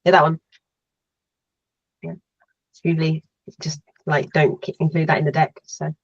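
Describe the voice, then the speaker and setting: Woman, very deep voice, halting filler-heavy chat, muffled video-call audio. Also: flat delivery, gravelly, slightly rough, dry recording. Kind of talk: casual meeting chat.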